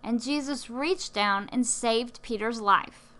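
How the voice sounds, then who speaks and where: Slow, bright-voiced woman co-hosting devotionals. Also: on the high side. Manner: encouraging, gently preachy. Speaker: podcast co-host.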